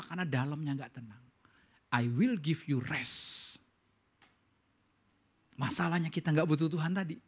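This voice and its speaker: A male pastor preaches with animated energy, his voice pushing higher whenever he stresses a point. His tone is bright and forceful, and he sits high for a man. He slips English words into his speech. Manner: animated preaching with rising emphasis. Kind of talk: sermon. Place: church service.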